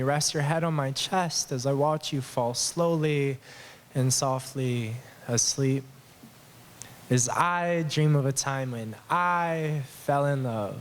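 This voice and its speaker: Slow, tender man reading love poetry. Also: medium pitch, slight background noise. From Southern Alberta. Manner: earnest, tender, a bit nervous. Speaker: poet. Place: small acoustic lounge with live audience.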